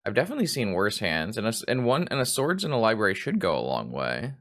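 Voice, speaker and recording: A man's voice: fairly low pitch, wildly swooping pitch, fast talker, a bit bright. A hungover man giving rambling, self-deprecating live commentary on a card game stream, swearing casually.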